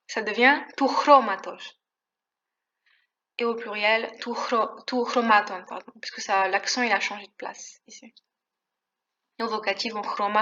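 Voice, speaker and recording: A woman's voice: fairly high pitch, sharp tone, muffled recording, a little hiss or hum. A woman teaching a language lesson in a casual, hesitant way, with fillers and self-corrections. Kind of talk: explanatory lesson.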